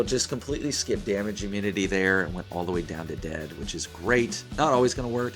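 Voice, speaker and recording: A man in his thirties with a hoarse, failing voice, giving casual game commentary as host of a gaming video. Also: fairly low pitch, fairly bright tone. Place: small room indoors at a desk.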